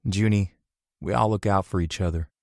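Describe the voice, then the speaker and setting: A man voicing a deep, cocky rock star. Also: steady tone, normal speed, creaky, darkish tone, no room sound, studio quality. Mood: flirtatious. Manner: swaggering, crude and flirtatious. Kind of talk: audiobook dialogue.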